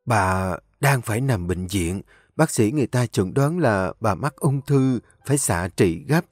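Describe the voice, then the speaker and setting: A man's voice: on the low side, expressive, unhurried, no room sound, studio quality, faint music behind. A man voicing a determined, tender young woman from the countryside, talking in an emotional, pleading way. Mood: gentle.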